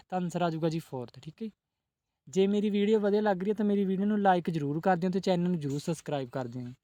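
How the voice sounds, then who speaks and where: A man's voice: sits high, mellow, no room sound. A man teaching exam-prep questions, who asks each question and then answers it, adding a polite "ji" again and again.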